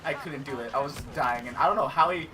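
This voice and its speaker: A young man in casual gaming chat, telling a story with animation and acting out his own panicked shouts. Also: on the high side, fast. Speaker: cast member telling a story. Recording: voice a little distant from the mic, faint hiss.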